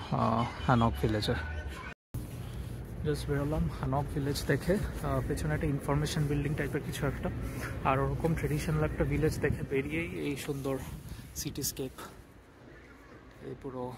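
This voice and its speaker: A man records a casual travel vlog while walking outdoors, filling pauses with soft "ah" sounds. His voice sits at an ordinary pitch. Clear street noise and passing vehicles run under his talk. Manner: chatty, many filler sounds, drops to a hush in quiet areas. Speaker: travel vlogger. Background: city street noise and vehicles.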